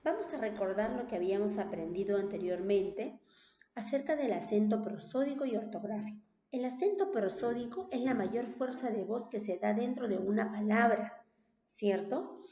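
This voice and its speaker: Woman teacher, talks slow and patient, keeps checking "right?", mellow voice, echoey dull recording. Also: a little high. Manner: patient, repeats points with tag questions. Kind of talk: recorded online class.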